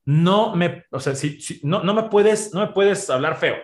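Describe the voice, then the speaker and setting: A man with a Mexican accent in a podcast conversation, explaining ideas with everyday examples in an animated way. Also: high-pitched, measured pace. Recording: roomy echo.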